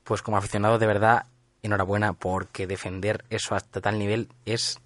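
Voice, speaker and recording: A man's voice: fairly low pitch, level tone, fairly quick, dry recording. Guy asking radio interview questions, polite and formal, lots of ums, dry close sound. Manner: polite, formal address, hesitant fillers.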